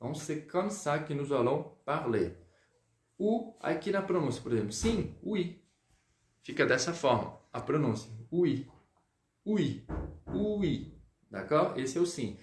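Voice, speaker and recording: A man from Brazil teaching a live online French lesson, drilling pronunciation with slow repetitions. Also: on the high side, reverberant. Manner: lively, repeats words slowly and drills pronunciation.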